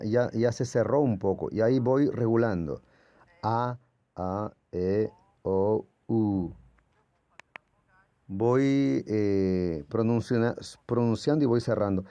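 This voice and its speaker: A man's voice: mid-range voice, mellow, no echo, lo-fi sound. A man whose first language is Portuguese gives a patient, explanatory lecture as a Greek language teacher, sounding out letters as he goes. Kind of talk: classroom lecture.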